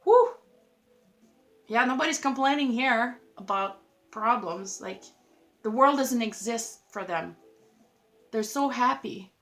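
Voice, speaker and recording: A woman with a fairly high voice giving a casual tarot reading straight to camera. She talks in an effusive, rambling way, leans on "like" constantly and laughs at her own asides. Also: unhurried, fairly bright tone, soft background music. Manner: chatty and effusive, lots of "like", laughs at herself. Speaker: tarot reader.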